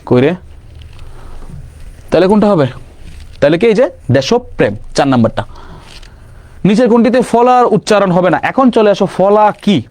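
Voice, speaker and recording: High-voiced man quizzing through a lesson. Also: animated, darkish tone. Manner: quizzing with rapid questions and self-answers; mixes English words into casual lecture. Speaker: grammar teacher. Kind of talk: online exam-prep lesson.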